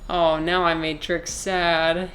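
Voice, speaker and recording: A woman's voice: lowish voice, little pitch movement, slow pace, a bit bright, soft background music. A woman in her twenties chatting casually with her viewers while she plays a game, rambling, swearing freely and answering chat comments. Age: 20s. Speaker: live streamer playing a video game.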